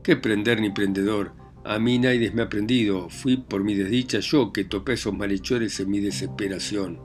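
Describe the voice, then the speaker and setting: Guy doing a defiant widow, snappy comebacks, kinda pleading, low-ish voice, faint music behind. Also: steady tone, normal speed, natural voice. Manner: indignant, pleading, sharp retorts. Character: defiant grieving young country widow.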